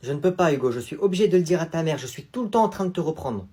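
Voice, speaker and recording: A young man voicing a stern female teacher who speaks low and calmly reproachful. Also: rapid-fire, close to an everyday voice.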